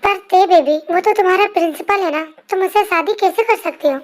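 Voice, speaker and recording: A performer voicing a soft-hearted father who gently coaxes his daughter, in an amateur fan dub voice-over. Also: very high-pitched, a little fast. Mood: coaxing. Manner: gentle, coaxing.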